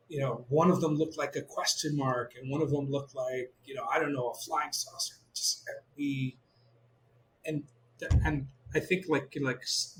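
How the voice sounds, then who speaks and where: A man's voice: on the high side, low-quality recording. A middle-aged man from Israel, a glider pilot, telling stories in a casual interview, full of fillers and restarts. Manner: animated, many fillers and restarts.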